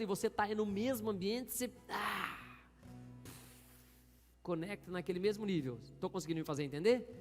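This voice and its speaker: A man preaches as a pastor, throwing questions at his congregation and waiting for their replies. His voice sits high for a man. The sound rings with the long reverb of a church hall. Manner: call-and-response preaching, asks the congregation questions. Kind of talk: sermon.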